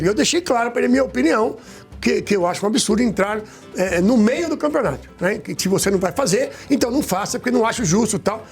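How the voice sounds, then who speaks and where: Fast-talking high-voiced man pundit. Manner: rapid, hedging with fillers. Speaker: sports commentator. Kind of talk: casual sports panel chat.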